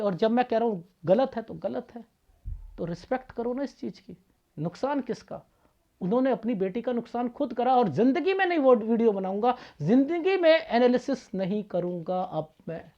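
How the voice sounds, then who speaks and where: A palmist speaks casually and bluntly to his viewers, lecturing and scolding them in straightforward talk. His voice is extremely high-pitched and expressive, at a moderate pace, and the audio sounds dull.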